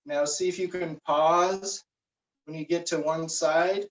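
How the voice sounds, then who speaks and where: A man leading a guided meditation and warm-up stretches, giving slow, relaxed instructions with frequent fillers. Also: a little high. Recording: roomy, distant, dull recording.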